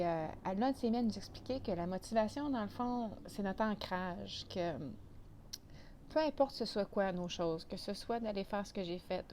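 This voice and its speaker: Quebec French woman, chatty vlogger, mid-pitched voice, faint noise behind. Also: darkish tone. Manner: chatty, with many restarts and fillers. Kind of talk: casual talk to camera.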